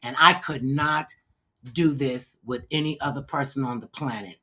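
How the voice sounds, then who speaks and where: Husky, bright-voiced woman telling stories. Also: a bass voice, normal speed. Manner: animated storyteller, acts out quotes, gets loud for emphasis. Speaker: talk show host. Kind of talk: casual storytelling chat.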